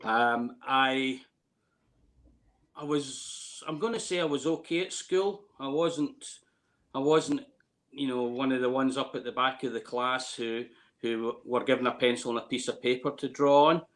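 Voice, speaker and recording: Male, late 50s, Scottish accent; casual interviewee, hesitant rambling storyteller with an average-pitched voice. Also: a little slow, fairly bright tone. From Scotland, near Glasgow. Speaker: distillery warehouse tour guide.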